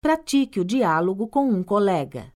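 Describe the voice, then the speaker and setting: A woman narrating a language course with slow, careful and precise enunciation. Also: medium pitch, very animated, darkish tone. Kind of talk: scripted textbook audio narration.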